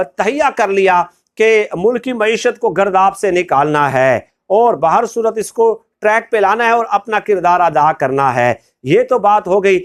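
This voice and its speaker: High-voiced man with Pakistani Urdu accent. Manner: formal, addresses viewers directly, frequent hesitant "uh" fillers. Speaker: political vlogger. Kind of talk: political commentary vlog.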